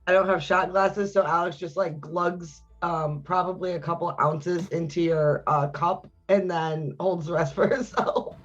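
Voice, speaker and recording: A man's voice: high voice, steady tone, unhurried, few pauses, fairly bright tone. Male tabletop player, casual role-play, slightly lo-fi sound with faint music.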